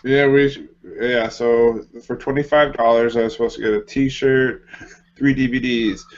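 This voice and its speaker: A man's voice: medium pitch, fairly even intonation, normal speed. Easygoing man on a muffled podcast. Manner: easygoing, says "like" a lot. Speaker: podcast co-host. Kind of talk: casual chat. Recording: dull lo-fi home recording.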